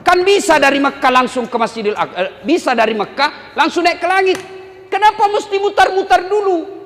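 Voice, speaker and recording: A man voicing a puzzled young university student who presses his teacher with high, insistent questions, heard in an echoey hall. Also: expressive, brisk, a bit bright. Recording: echoey hall with long reverb.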